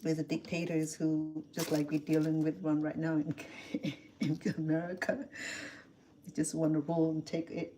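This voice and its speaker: In a deep, mellow voice at normal speed and a level tone, a middle-aged Cambodian woman cooks at home and talks casually with her livestream audience. She is chatty, replies to viewer comments, and laughs often, with slight background noise in the audio.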